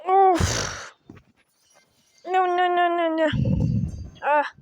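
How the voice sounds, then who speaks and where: High-pitched woman rambling through a game, sleepy and yawny, yelps and grumbles a lot, dry close sound. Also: very slow, no room sound. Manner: chatty, excitable, exclaims and grumbles at the game. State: yawning, sleepy. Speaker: gaming video host. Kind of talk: casual gameplay commentary.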